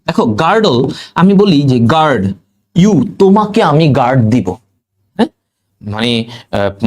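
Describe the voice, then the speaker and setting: A male tutor with a Bangladeshi Bengali accent runs an exam-prep biology lesson. His pitch swings widely as he quizzes the class and repeats each answer several times over. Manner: animated, quizzing students with mnemonics and repetition.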